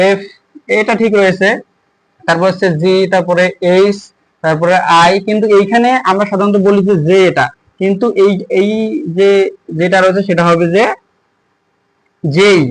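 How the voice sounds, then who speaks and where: A young man teaching an English lesson, halting and repeating himself as he explains and writes. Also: high-pitched, no room sound, low-quality recording. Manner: halting, repeats words while writing on a board. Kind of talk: spoken language lesson.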